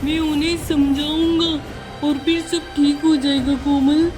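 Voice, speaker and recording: Woman as soft, concerned cartoon husband; high, warm voice. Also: flat delivery, unhurried, soft background music, low-quality recording. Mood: consoling. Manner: concerned, consoling. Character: caring young husband, soothing.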